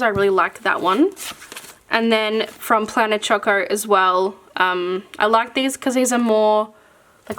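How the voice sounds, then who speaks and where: A woman's voice: fairly high pitch, fairly bright tone. A woman chatting casually and enthusiastically as she shows off her planner supplies, with lots of fillers along the way. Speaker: planner content creator. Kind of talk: casual chat showing craft supplies.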